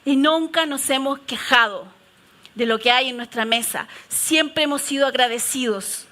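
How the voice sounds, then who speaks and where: A middle-aged woman pastor, preaching a lively storytelling sermon that moves between strong declarations and soft prayerful passages. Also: sits high, a little slow.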